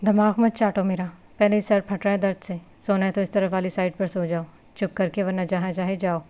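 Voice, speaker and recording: A woman's voice: mid-range voice, flat delivery, warm tone, lightly acted. A woman voicing a blunt young husband who talks in a cold, scolding way, in a novel reading. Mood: exasperated. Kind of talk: novel reading with character voices.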